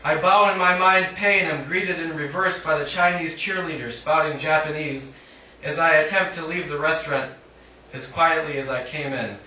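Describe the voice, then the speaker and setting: At an indoor literary cafe, a poet reads his own work live in a measured, declamatory style with dry humour, slipping in short spoken asides. His voice is a little high, pushed and bright. The room is echoey, the mic distant, with faint noise.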